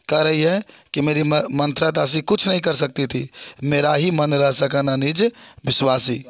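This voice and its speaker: Raspy-voiced man explaining a Hindi poem. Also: on the high side, a bit bright, no room sound, studio quality. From India. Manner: explains line by line, repeats phrases, asks students questions. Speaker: Hindi literature teacher.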